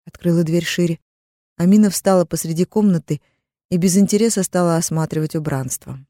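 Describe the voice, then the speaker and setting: A woman reads a first-person novel aloud, calm and even. Her voice is warm and mellow, and the recording is dry and close with no room sound. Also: fairly low pitch, fairly quick, no echo. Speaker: audiobook narrator. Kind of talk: first-person audiobook narration.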